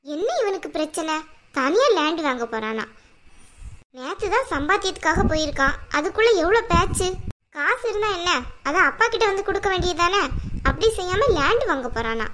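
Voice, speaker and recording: A woman's voice: very high-pitched, lively intonation, brisk, bright, forceful tone, slight background noise, full character voice. A woman voicing a stern, domineering older mother-in-law who scolds and gives orders in a cartoon. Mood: grumbling. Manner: scolding, commanding. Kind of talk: cartoon voice acting.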